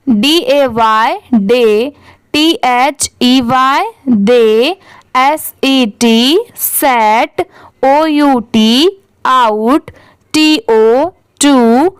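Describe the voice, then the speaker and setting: High clear woman spelling words slowly. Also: no room sound. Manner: spells words letter by letter, asks "ठीक है?" often. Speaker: English reading teacher. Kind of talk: slow spelling-out lesson.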